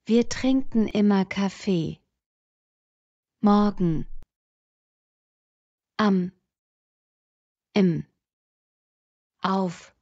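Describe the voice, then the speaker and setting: A woman slowly reading short sentence parts and single words aloud for language learners. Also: mid-range voice, mellow, no room sound, lo-fi sound. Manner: reads single words and short fragments one by one.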